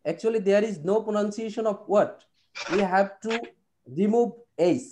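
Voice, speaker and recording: High-voiced man, halting school speech. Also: fairly even intonation, dark tone, a little hiss or hum. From Bangladesh. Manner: slow, halting in English, rapid in Bengali, many "uh"s. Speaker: English lecturer addressing parents. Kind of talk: speech at a school parents' meeting.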